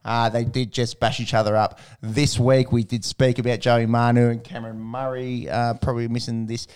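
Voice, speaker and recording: A man's voice: medium pitch, flat delivery, normal speed, a little mellow, clean tone. An Australian man hosting a casual sports podcast, recapping in a slangy, blokey way.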